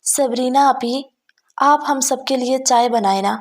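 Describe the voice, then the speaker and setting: A woman voicing a mischievous young man who plays pranks at a wedding. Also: sits high. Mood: teasing. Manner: mischievous, scheming asides. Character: teasing young man, a playful prankster cousin.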